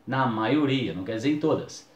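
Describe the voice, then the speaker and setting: A man's voice: mid-range voice, animated, normal speed. Guy teaching a video class, stretches words out to stress them, roomy echo. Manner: explanatory, drawing out key words for emphasis. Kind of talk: recorded video lesson.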